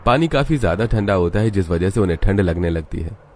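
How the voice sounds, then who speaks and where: Male narrator, deep and steady, scripted storybook read. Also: a little fast, slight background noise.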